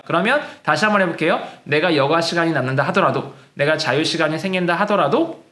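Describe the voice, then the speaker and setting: A male English teacher with a bright, higher-pitched voice that rises and falls a lot. He explains patiently and drags each example sentence out slowly. The room he is recording in has a noticeable echo. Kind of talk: classroom-style lesson.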